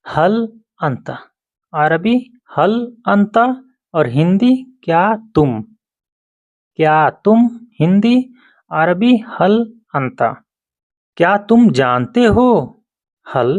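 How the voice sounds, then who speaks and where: A man's voice: a little high, no room sound. A man teaching vocabulary word by word, repeating each term several times. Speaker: language teacher. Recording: dull lo-fi recording.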